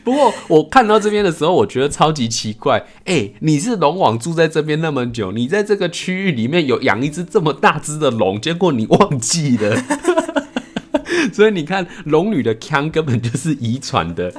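A man's voice: a little high, very animated, normal speed. A man hosting a podcast, retelling an old tale in a playful, laughing way. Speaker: podcast host. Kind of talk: storytelling podcast chat.

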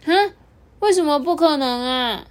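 A woman voicing a lonely little red button in a children's story, high and childlike. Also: normal speed, lightly acted. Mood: eager.

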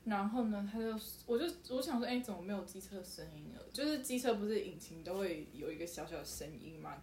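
A woman's voice: mid-range voice, fast. A woman, co-hosting a casual podcast and recounting events expressively. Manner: expressive, exclaims and laughs while recounting. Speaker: podcast co-host. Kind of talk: casual chat. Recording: roomy echo, faint background noise.

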